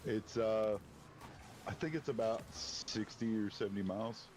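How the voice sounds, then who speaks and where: A man with a bassy voice, chatting casually while gaming, laid-back and dryly teasing. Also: measured pace, a little mellow, slight background noise. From East Tennessee. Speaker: gamer.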